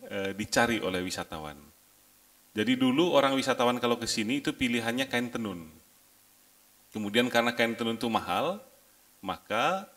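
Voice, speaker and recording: A young man from Indonesia shares his story on a discussion panel. His voice sits a little low, and he talks in a relaxed, chatty way, with many hesitations and fillers. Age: young adult. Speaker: company director. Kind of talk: panel talk sharing experience.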